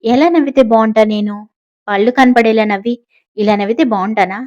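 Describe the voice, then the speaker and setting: A woman's voice: on the high side, fairly quick, a little mellow, muffled recording, natural voice. A woman voicing a playful, sarcastic teenage girl in an audiobook story. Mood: cheeky. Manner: sarcastic, casual.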